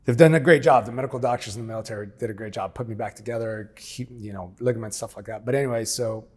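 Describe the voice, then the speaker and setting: A man's voice: medium pitch, fast talker, darkish tone. A man in his forties telling his story as an interview guest, frank and plain-spoken, often acting out past conversations. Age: 40s. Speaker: interview guest, former military operator.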